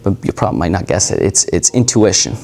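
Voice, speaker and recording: A communication coach leads a live workshop group, talking loosely and relaxedly, rambling, circling back and correcting himself often. His voice is low and creaky, and he speaks at a quick pace.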